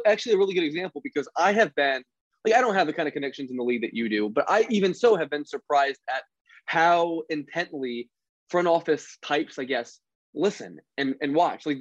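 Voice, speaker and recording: Man, fairly high voice, from Philadelphia, earnest explainer, dull muffled audio. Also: expressive, no room sound. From Philadelphia, USA. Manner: earnest, explanatory, quick self-corrections. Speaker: sports researcher, guest. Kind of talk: casual interview chat.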